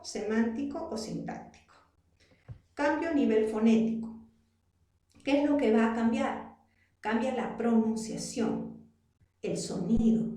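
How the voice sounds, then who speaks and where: Peruvian lady teacher, slow and mellow, quizzing her students, super echoey room. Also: on the high side. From Arequipa, Peru. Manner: explains patiently, asks the students rhetorical questions. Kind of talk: classroom lesson. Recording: very echoey room, voice far from mic.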